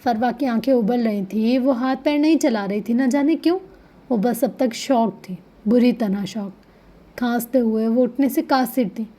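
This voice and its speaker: A woman reading a dramatic romance novel aloud in a steady storytelling manner. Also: a little high. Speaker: novel reader.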